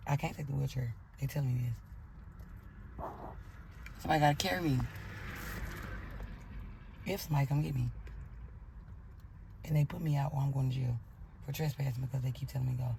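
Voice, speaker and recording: A woman's voice: extremely low pitch, fairly even intonation, brisk, gravelly, pauses often, noisy background. A woman telling a personal story in a blunt, profane way, acting out her own angry outbursts as she goes.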